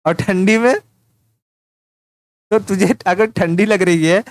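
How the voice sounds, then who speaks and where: A man gives an informal exam-prep lesson, pitched a little higher than most and sounding clear and resonant. He teases the listener and repeats key terms over and over. The recording is close and dry, with no room sound. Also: fairly even intonation, slow, no echo. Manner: teasing, repetitive, addresses listener as "tu". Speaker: teacher.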